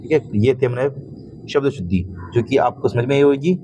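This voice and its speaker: A man teaches a grammar lesson at a patient pace, often pausing to check whether his students follow. His voice sits at an ordinary middle pitch. A steady noise runs under the recording. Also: muffled recording. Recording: noisy recording.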